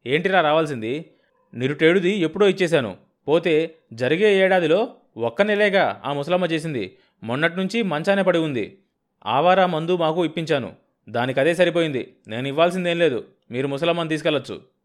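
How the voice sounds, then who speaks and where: A hot-tempered, stingy village farmer in an audiobook, as a male narrator puts him on. He talks loud and brusque, with a voice pitched up above the reader's own. Every line comes out as a blustering complaint. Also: lively intonation, brisk, long pauses, lightly acted.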